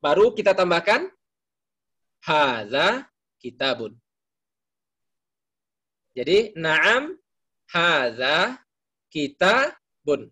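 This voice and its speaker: Guy teaching arabic, pretty high voice, patient, quizzes students by name. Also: very animated, drawn-out words, pauses often, pushed and bright. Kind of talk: online class, teaching Arabic phrases.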